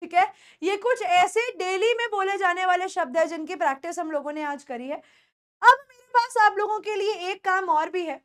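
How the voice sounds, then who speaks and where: A woman with an Indian accent teaching spoken English pronunciation, repeating words slowly and quizzing her students. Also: very high-pitched. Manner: drills words by repeating them slowly, asks the class questions.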